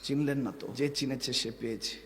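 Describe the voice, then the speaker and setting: A man preaching an Islamic sermon with passion, rising to shouts and dropping to hushed asides, repeating phrases and calling on the crowd to answer. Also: medium pitch, steady tone, brisk, in a large hall, a little hiss or hum. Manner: impassioned, swings from soaring shouts to hushed asides; rhythmic repetition, asks the crowd for replies.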